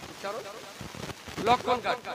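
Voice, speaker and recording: Preacher, man, lecturing sermon, spells words out and quizzes listeners; loud noisy recording. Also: high-pitched, fairly even intonation, a little slow. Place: outdoor religious gathering. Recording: loud background noise.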